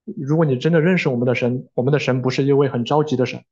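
A man interpreting a sermon live, with fillers and quick self-corrections. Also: mid-range voice, a little mellow, slightly rough, dull audio.

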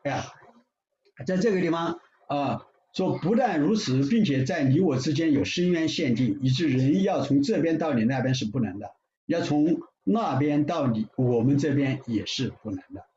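A man preaching a sermon in an emphatic, repetitive way, with frequent drawn-out fillers. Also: a little high, animated, warm tone, slight background noise. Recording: roomy, dull sound with faint ambience.

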